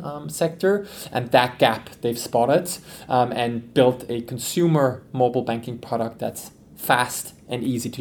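Male podcast guest from Switzerland, a company executive, mid-pitched and gravelly, relaxed and thoughtful. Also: slight background noise. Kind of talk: conversational interview answers.

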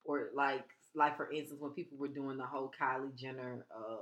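A woman in her thirties co-hosting a podcast, chatting casually in a laid-back, drawn-out way and laughing often. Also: very deep voice, fairly even intonation, a bit bright. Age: 30s. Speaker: podcast co-host. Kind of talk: casual chat. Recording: echoey room with faint noise.

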